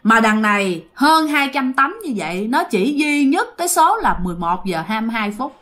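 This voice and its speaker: A woman tells a ghost story aloud in a chatty style, speaking directly to her listeners. Her voice sits on the high side, sing-song and a bit bright, at a normal speed.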